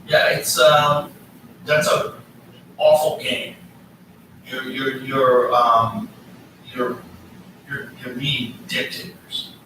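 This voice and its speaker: A man's voice: medium pitch, steady tone, extremely slow, long pauses, pushed and bright, far from the mic, slight background noise. Profane, ranting man in an echoey room. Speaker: podcast host. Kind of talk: casual podcast chat.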